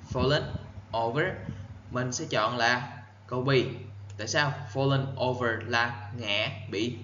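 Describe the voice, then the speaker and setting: A Vietnamese-accented man teaching English for an exam, speaking at an unhurried pace and saying each word out with care. His voice sits in an ordinary middle pitch. It has the roomy, slightly dull sound of a simple setup, with faint noise behind it. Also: sharp tone. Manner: reads answer options slowly, then explains in quick bursts; repeats English words carefully for pronunciation. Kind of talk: exam-prep English lesson.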